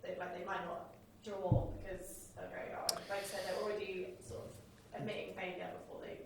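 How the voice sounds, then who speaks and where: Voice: medium pitch, level tone, a little fast, heavy background noise. An interview host who encourages the guest with short acknowledgements and questions. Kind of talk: conversational interview. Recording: roomy, distant from the mic.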